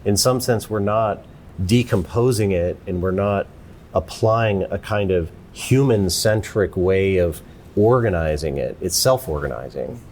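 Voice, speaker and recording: A man's voice: low-pitched, a little slow, darkish tone, slight background noise. A man in his forties, an interview guest, explaining his ideas thoughtfully in casual conversation with frequent restarts.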